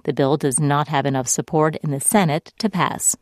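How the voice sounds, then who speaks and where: A woman's voice: deep voice, fairly even intonation, normal speed, no echo, studio quality. A woman radio reporter reading a scripted news report.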